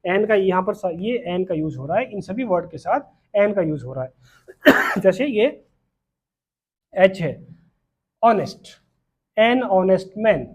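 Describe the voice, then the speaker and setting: A man's voice: high voice, expressive, measured pace, long pauses, slightly rough. A man with an Indian English accent teaching grammar, often repeating points and asking if students follow. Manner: repetitive, questioning, checks understanding often. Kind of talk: classroom lesson on grammar. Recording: dull lo-fi sound.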